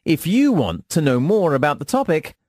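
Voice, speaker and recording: A man delivering a scripted instructional monologue in a measured, formal teaching manner. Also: a little high, big pitch swings, darkish tone, no echo, studio quality. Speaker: lecturer.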